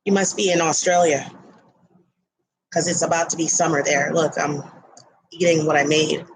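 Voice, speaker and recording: A woman's voice: deep voice, flat delivery, moderate pace, slightly rough, rough recording. A woman hosts a casual livestream from her home kitchen, greeting viewers while she eats. She talks up so a laptop mic across the room can catch her, and her tone stays easy and conversational. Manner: chatty, eats while talking; talks loudly to carry to the laptop. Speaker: livestream host.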